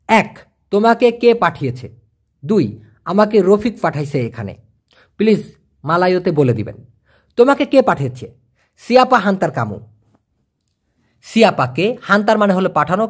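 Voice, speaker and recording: Male tutor, high voice, patient step-by-step explainer who keeps asking "clear?". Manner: explains slowly, repeats words and checks understanding. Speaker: language teacher. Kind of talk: casual video lesson.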